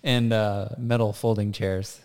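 A man's voice: lowish voice, level tone, unhurried, darkish tone. An American man co-hosting a casual, off-the-cuff podcast. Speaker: podcast co-host. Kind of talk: casual, unscripted podcast chat. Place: indoors in an unfurnished house.

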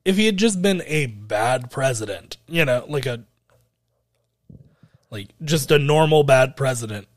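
A man's voice: mid-range voice, lively intonation, unhurried, pauses often. A man co-hosting a podcast, recapping a wrestling event in a rambling, hesitant way with frequent laughs. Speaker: podcast co-host.

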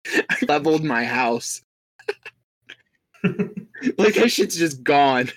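A man's voice: fairly high pitch, expressive, slow pace, dry recording. Young man reading a silly story, dry sound. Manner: joking, laughing, crude banter. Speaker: podcast co-host reading a fan story. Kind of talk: casual comedic story reading.

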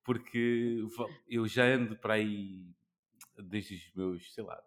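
A man in his forties with a European Portuguese accent, hosting a gaming podcast in casual chat, pausing often with fillers and restarts. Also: lowish voice, steady tone. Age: 40s. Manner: hesitant, many fillers and restarts. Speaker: podcast host.

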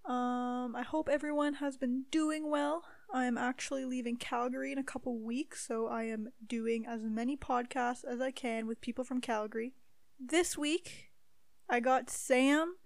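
Young woman from Ontario, podcast host, giggly upbeat chat, fairly high voice, dry close sound. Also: steady tone, measured pace, creaky, dry recording. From Ontario, Canada. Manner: upbeat, giggly, filler-heavy.

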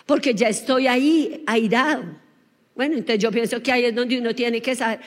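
A woman's voice: on the high side, moderate pace. Woman preaching in a reverberant hall. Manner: lively, asks the audience questions. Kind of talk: sermon.

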